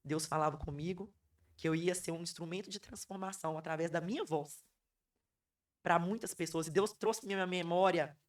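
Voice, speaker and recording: Podcast guest: hoarse woman, emphatic and repetitive storyteller, set a little back from the mic. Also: on the low side, normal speed, far from the mic. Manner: emphatic, repeats phrases for effect. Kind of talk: emotional personal storytelling.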